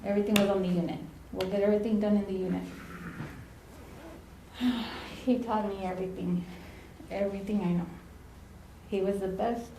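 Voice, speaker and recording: A woman's voice: mid-range voice, steady tone, moderate pace, pauses often, warm tone, a little hiss or hum. A woman telling stories at a eulogy, chatty and dropping Spanish phrases into her English. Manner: chatty, laughing through anecdotes, drops in Spanish phrases. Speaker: former ambulance partner giving a eulogy. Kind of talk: storytelling eulogy. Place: funeral home chapel. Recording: echoey chapel with faint ambience.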